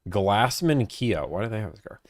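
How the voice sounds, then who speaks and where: A man speaks as a casual host, in a dry, close recording. His delivery is low-key, as on an everyday phone call, yet his pitch moves widely when he explains things. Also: sing-song, normal speed, dry recording. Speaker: host, car buying negotiator. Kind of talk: casual phone call and talk to an online audience.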